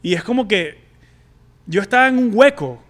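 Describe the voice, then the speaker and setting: A man's voice: sits high, animated, moderate pace. A man, co-hosting a casual podcast and candidly telling a personal story with many restarts and fillers. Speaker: podcast co-host. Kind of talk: casual chat.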